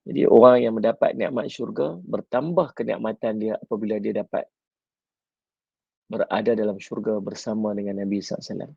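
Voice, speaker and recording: A man with a Malaysian Malay accent, a religious teacher who tells stories in a sermon. He moves between lively passages and soft, drawn-out pauses. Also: on the low side, creaky, slightly rough, dry recording, muffled recording. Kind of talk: Malay-language sermon storytelling.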